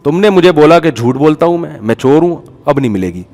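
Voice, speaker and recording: A man's voice: on the high side, expressive, a little mellow, faint music behind. A man voicing a proud, poor vegetable seller who curtly refuses a customer, in a sermon story. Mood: offended, curt. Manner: gruff, curt refusals.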